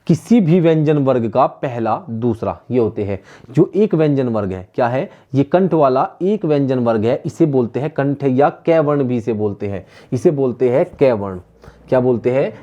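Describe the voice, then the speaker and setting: A male teacher giving a classroom lecture, sounding out syllables slowly and asking the class again and again if they follow. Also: mid-range voice, dark tone, dull audio. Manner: drills sounds slowly and repeats questions to students. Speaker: Hindi teacher.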